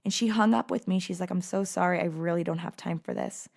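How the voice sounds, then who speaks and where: A woman's voice: lowish voice, a little fast, gravelly. A young adult woman hosting a podcast, telling a personal story with animation and acting out the dialogue. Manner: animated, acts out quoted dialogue. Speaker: podcast host.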